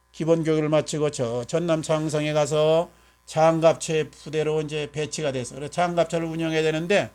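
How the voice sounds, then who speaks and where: A man's voice: on the high side, a little mellow. A man in his seventies, a pastor preaching a sermon, asking rhetorical questions with emphasis and telling a homespun story. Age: 70s. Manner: folksy storytelling.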